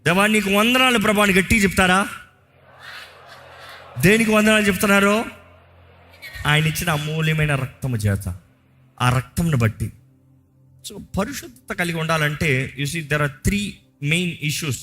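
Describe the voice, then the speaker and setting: A man's voice: sits high, animated, unhurried, pauses often, sharp tone, soft background music. A man with a Telugu accent preaching a sermon as a pastor, emphatic, slipping English phrases into his preaching.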